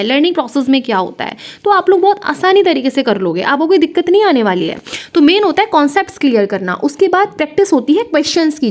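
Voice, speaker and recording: A young woman teaching as an exam coach, walking viewers through study material in a chatty lesson and checking in often with short asides to the listener. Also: sits high. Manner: chatty, repeats "है ना" and "ठीक है" to the listener. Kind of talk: screen-share lesson talk.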